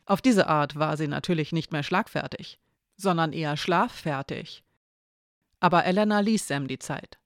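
A calm reader narrating a novel aloud, giving the dialogue only light shading. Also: mid-range voice, normal speed, dry recording, clean studio sound. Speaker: audiobook narrator.

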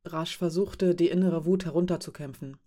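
A woman reading a novel aloud in calm, measured narration. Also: on the low side. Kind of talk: scripted audiobook narration.

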